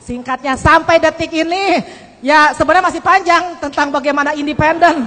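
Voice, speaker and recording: A woman's voice: sits high, normal speed, heavy background noise. Lady w/ telling her church testimony, acts out the quotes, big reverb-y hall. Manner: lively storytelling, acting out quoted speech. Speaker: church speaker giving testimony. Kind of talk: sermon testimony to a congregation.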